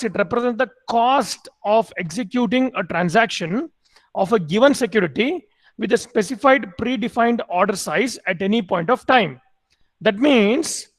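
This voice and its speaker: Brief: high-pitched male lecturer, repeats and quizzes students. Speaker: MBA lecturer. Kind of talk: online class lecture.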